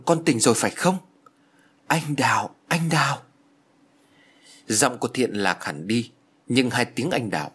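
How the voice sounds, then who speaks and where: A man narrating an audiobook story in an expressive storytelling manner. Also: on the low side, husky.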